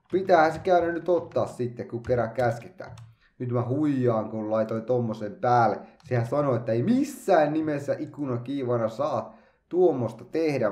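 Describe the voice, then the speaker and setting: Gaming host, male, mid-pitched, playful and chatty, makes silly noises; echoey room. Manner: excitable, chatty, makes silly sound effects. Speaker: gaming YouTuber. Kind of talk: playful let's-play commentary.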